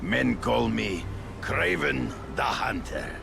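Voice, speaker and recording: An actor playing a menacing male big-game hunter villain in a video game, with a gravelly, hushed and slow voice. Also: mid-range voice, lively intonation, full character voice. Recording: game audio with loud music.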